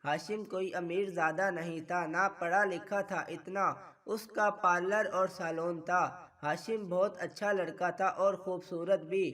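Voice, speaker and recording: A man narrating a sad romance story in a steady, tender reading voice. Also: high-pitched, unhurried, few pauses. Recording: voice a little far from the mic.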